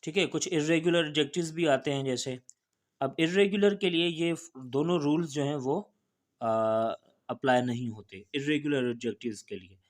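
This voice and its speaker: A male teacher from Pakistan explains grammar step by step. He talks patiently and repeats himself, spelling each word out letter by letter. He keeps pausing to make sure the listener is following. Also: fairly high pitch. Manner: often checks in with the listener.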